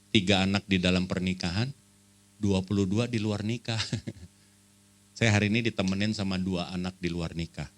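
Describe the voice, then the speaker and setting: A middle-aged man from Java, a pastor giving a church sermon in a joking, conversational way that rises to emphatic preaching. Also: low voice. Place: church service.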